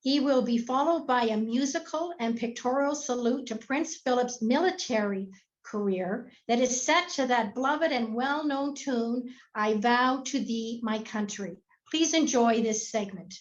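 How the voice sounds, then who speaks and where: A woman's voice: on the high side, a little slow. A woman co-hosting, announcing program segments in a polite, scripted way. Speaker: co-host. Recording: dull lo-fi sound.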